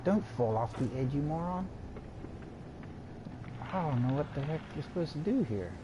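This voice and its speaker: A man with a mid-range voice gives live commentary on a game he is streaming. He mutters to himself and drifts into rambling anecdotes. Game sounds and background noise sit clearly behind him. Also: medium pitch, big pitch swings, fast talker. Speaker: gaming streamer.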